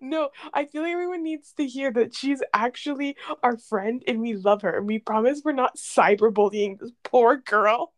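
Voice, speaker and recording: Higher-pitched young woman on a podcast, laughing a lot, lots of "like"s. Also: normal speed, hardly any pauses. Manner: laughs often, many fillers. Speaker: podcast co-host. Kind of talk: casual storytime chat.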